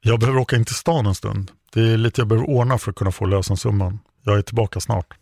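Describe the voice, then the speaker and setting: A man voicing a cold, calm male kidnapper who talks in a flat, reassuring way. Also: on the low side, gravelly.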